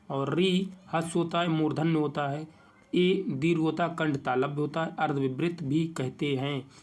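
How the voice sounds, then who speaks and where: A man teaching an exam-prep grammar lesson, reading out definitions and slowly stretching each vowel he lists. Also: fairly high pitch, darkish tone.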